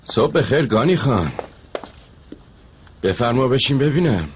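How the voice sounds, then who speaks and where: A man's voice: mid-range voice, very animated, slight background noise, natural voice. A middle-aged man dubbing a stern, sarcastic uncle who heads the household. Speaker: dubbed drama character, household elder. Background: background score music.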